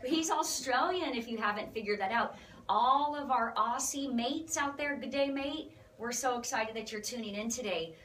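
Woman, ministry host, excited, preachy, higher voice, a bit off-mic. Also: moderate pace, distant mic, a little hiss or hum, poor audio.

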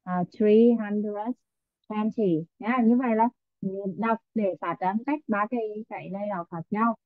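A woman's voice: medium pitch, moderate pace, dry recording. A woman teaching an online English class, calling on students and repeating their answers back to them. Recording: tinny phone-like online audio.

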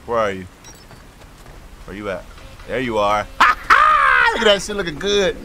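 Over a very noisy recording, a gamer speaks at a normal speed in a mid-range voice with big pitch swings. His casual, joking commentary is full of swearing and slang, and he chats with the game characters as he plays.

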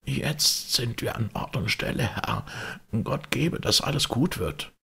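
Man doing a frightened old servant, raised trembling voice, gravelly, husky, lively pitch. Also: measured pace, heavily acted. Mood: fearful, trembling. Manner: trembling, hoarse, fearful.

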